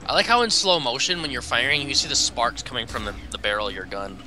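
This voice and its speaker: A man's voice: medium pitch, big pitch swings, fast. A young man in casual co-op gaming chatter, goofy and jokey, bellowing battle cries now and then. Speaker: gamer.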